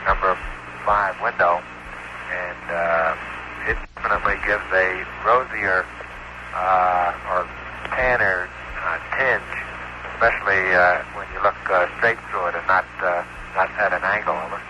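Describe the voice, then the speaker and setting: Low-voiced man on crackly space radio. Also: steady tone. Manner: halting, many "uh" pauses while describing. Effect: crackly space radio transmission. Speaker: astronaut. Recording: hissy archival radio link.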